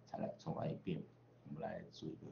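A man's voice: extremely low pitch, monotone, quick pace, creaky, mellow, echoey room, lo-fi sound, a little hiss or hum. A man from the western United States teaching English pronunciation online, chatty, drawing out vowel sounds in drills with frequent tag particles.

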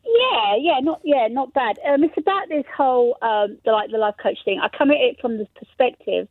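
A woman's voice: sits high, animated, normal speed, no echo. Wobbly, warbling woman on a tinny phone line. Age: 50s. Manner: hesitant, with many ums and restarts. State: wobbly, warbling voice that goes wonky at times. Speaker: radio phone-in caller. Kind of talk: casual phone-in call. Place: on a phone call to a radio studio.

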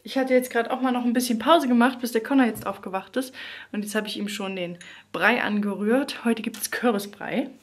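This is a slightly high, slightly fast female voice: a mother of three in her thirties chatting through her daily family vlog. She records indoors among furnished rooms at home, the camera handheld or propped at arm's length.

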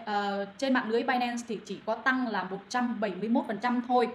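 A woman moderating a crypto channel, talking listeners through market reasons with frequent fillers and direct address. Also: fairly high pitch. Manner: addresses listeners as anh chị, many fillers. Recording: echoey room, faint noise.

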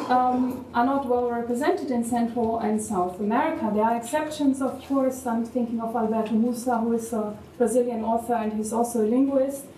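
German-accented woman giving academic panel remarks, measured and a bit wry, echoey room, faint background noise. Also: on the high side, a little mellow. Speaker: panel discussant. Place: university event hall. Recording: echoey room, distant mic, faint ambience.

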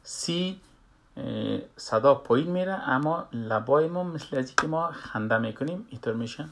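A man giving a slow spoken lesson on Quran recitation, pausing often and filling gaps with drawn-out hesitation sounds. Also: mid-range voice, expressive, vocal fry, fairly bright tone, slight background noise. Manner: hesitant, many drawn-out fillers and pauses.

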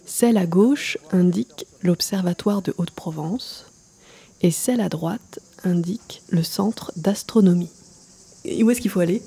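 A woman's voice: on the low side, a little slow, creaky, warm tone, breathy edge. A woman podcast narrator reading scripted narration. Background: music under the voice.

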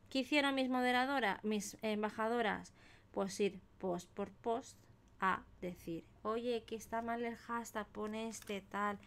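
A woman's voice: mid-range voice, creaky. A young woman from Spain chatting casually on her live stream, thanking viewers by name as she tells a rambling story. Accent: Spain Spanish. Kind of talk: casual live-stream chat while colouring.

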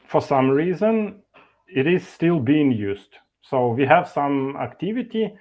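A man's voice: a little high, very animated, darkish tone. A man presenting at an online meetup over a video call, speaking with frequent fillers and restarts. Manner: halting, many fillers and restarts. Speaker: conference speaker from an e-learning developer.

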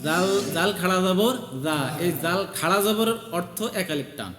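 High-voiced man teaching chanted recitation. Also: echoey room, big-room sound, a crowd in the background. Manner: repeats phrases for learners, chants verses slowly. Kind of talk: tajweed lesson with chanted recitation.

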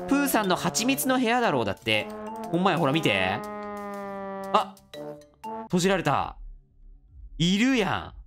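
Lively woman playing a game. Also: on the low side. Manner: playful, reads game text aloud and rallies the other players. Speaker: gaming channel host. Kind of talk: game commentary.

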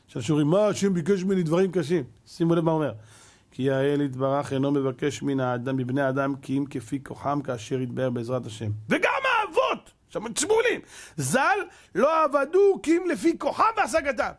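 High-pitched impassioned rabbi. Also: male voice, sing-song. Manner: impassioned, swings between loud exhortation and hushed asides. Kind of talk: sermon.

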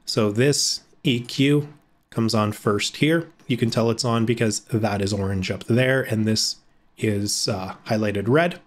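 A man's voice: lowish voice, a little slow. A man in his thirties giving a casual screen-recorded video editing tutorial from a home room. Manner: explanatory, casual, with fillers. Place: home room with blackout curtains.

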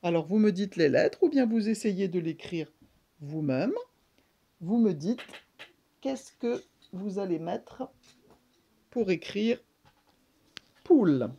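Slow, patient woman teaching sounds. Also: mid-range voice, animated, vocal fry, warm tone, slightly rough, dull audio. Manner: stretches and repeats sounds for young learners. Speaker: speech therapist teaching reading. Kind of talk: slow children's reading lesson.

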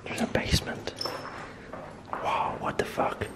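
A young Irish man vlogging casually, rambling with lots of "like" and "you know", sometimes sinking to hushed whispers as he explores. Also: slow pace. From Ireland. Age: young adult. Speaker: vlogger and musician. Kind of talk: casual vlog chat. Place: room indoors, then an abandoned building. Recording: echoey, distant camera audio.

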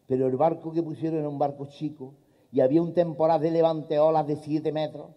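A man's voice: on the high side, level tone, brisk, long reverb tail. A man telling folksy jokes live on an outdoor stage, slipping into character voices. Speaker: stand-up comedian. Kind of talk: live stand-up storytelling. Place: outdoor town square stage. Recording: dull lo-fi live recording.

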